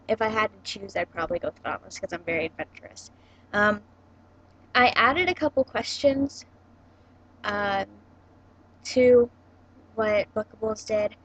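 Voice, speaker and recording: A young woman chatting casually about books, full of ums and likes, recorded through a laptop's built-in mic at home. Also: medium pitch. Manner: hesitant, many ums and likes. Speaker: book vlogger. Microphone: built-in computer webcam mic. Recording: dull lo-fi laptop webcam audio.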